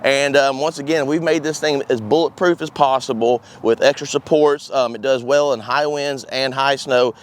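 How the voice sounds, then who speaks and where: A man's voice: mid-range voice, fairly even intonation, normal speed, hardly any pauses. A man in his thirties presenting products to camera outdoors, explaining in a folksy, plain-spoken way. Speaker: company presenter for greenhouse kits. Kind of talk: informal product walkthrough to camera. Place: outdoors at a greenhouse demo yard.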